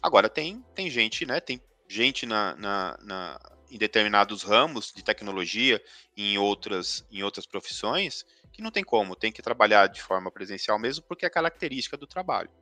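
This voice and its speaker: A man with a lowish, bright, forceful voice answers as a guest in a live online interview. He talks thoughtfully, pausing and restarting often. The sound is dry and close, with faint music in the background. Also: lively intonation, dry recording. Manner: thoughtful, many hesitations and restarts. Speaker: guest expert.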